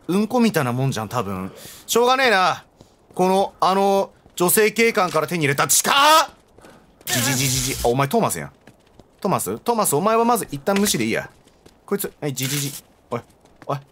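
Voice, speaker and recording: A man commentating his gameplay, joking and yelling at characters on screen. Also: high-pitched, a little hiss or hum. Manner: animated, joking, talks back at the screen. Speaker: let's play streamer. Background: game music.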